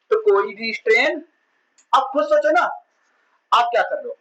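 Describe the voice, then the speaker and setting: A man's voice: very high voice, fairly bright tone, low-quality recording. A male physics teacher giving an exam-prep lecture in a chatty way, asking his students rhetorical questions and mixing English terms into his talk. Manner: mixes English terms into Hindi.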